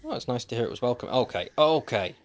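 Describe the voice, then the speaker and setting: With a quick pace and lively intonation, a man with a mid-range voice streams a survival game. His casual commentary to viewers comes peppered with dry, wry humor, recorded on a desk mic.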